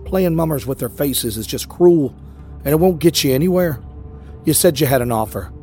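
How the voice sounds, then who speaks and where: A man voicing a defiant, teasing young witch girl in a raised, quick voice. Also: a little high, expressive, dark tone, soft background music, voice pushed up, close to an everyday voice.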